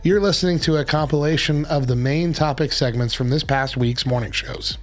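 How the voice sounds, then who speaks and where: A man with a gravelly, hoarse whiskey voice, recovering from bronchitis, chatting casually as the host of a morning radio show. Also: fairly high pitch, normal speed.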